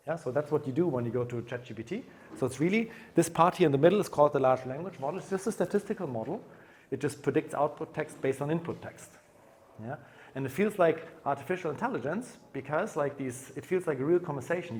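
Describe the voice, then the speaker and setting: A man's voice: mid-range voice, darkish tone. Guy from germany giving a talk in a conference room, lots of ums, middle voice, bit of background hiss. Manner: casual, many fillers and restarts. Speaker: conference speaker.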